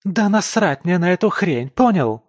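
A man's voice: sing-song, very slow, sharp tone, no echo, clean studio sound, exaggerated voice. A man reading an audiobook and voicing a furious, hysterical young woman who shrieks and screams. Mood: furious shouting. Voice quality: shrill, screaming.

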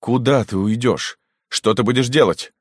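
A man voicing a proud, quick-tempered middle-aged courtesan mother who speaks sharply and indignantly, in an audiobook. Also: mid-range voice, no echo, studio quality, pitched above the performer's own voice, close to an everyday voice. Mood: stunned.

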